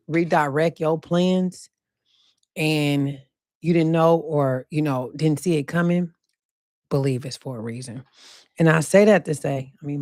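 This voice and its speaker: A woman hosting her own podcast, talking casually and loosely about faith, slowing down to repeat her key points with emphasis. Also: sits low, dry recording, studio quality. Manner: slow emphatic repetition of key phrases, casual and profane. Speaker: podcast host. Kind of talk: casual faith-themed monologue.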